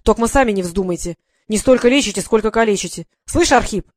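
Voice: mid-range voice, expressive, fast talker, dry recording, natural voice. A reader voicing a stern, powerful elderly male general who scolds and commands with sarcasm. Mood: commanding. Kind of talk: audiobook character voice.

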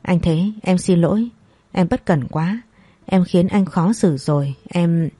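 Gentle sorry-sounding young pregnant woman in a read-aloud story, a lady reading her lines, low mellow voice. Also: measured pace, husky, no room sound. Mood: apologetic.

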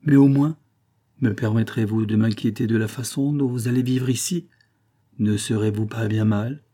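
A man's voice: fairly low pitch, steady tone, moderate pace, warm tone, natural voice. A man reading a wounded, lovelorn count. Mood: concerned. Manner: restrained and sighing. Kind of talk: audiobook character voice.

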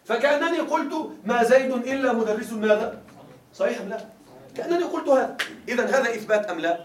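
A man's voice: very high voice, animated, fast talker, slight background noise. Man teaching grammar in an echoey room. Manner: keeps asking students to confirm. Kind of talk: classroom lecture. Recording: echoey room, mic far away.

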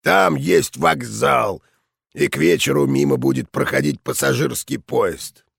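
A man voicing a gruff old veteran general in an audiobook, hoarse and blustering. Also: mid-range voice, expressive, a little slow, no room sound, clean studio sound, heavily acted. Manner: blustering, shouting. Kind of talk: audiobook character voice.

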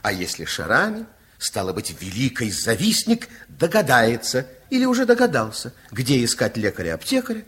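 A man with a husky, mid-range voice narrates a Soviet children's radio play at a normal pace, acting it heavily. He tells the fairy tale in a theatrical, playful, confiding way, full of expression.

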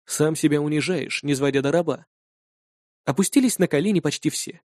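A man giving first-person narration of a fantasy story in an even, storytelling way. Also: on the high side, brisk, dry recording, studio quality. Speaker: audiobook narrator.

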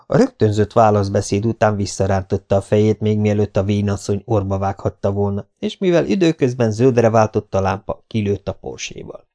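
A man reading a novel aloud as an audiobook narrator, in a steady storytelling manner. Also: lowish voice.

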